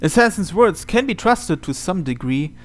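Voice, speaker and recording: A gaming channel host with a high voice and lively intonation reads visual novel narration dramatically at normal speed. Music from the game plays in the background.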